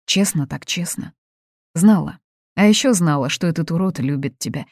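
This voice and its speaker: A woman voicing a blunt calm young woman, dark voice, dry recording. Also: deep voice, normal speed, no room sound. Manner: blunt, matter-of-fact. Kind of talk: audiobook reading.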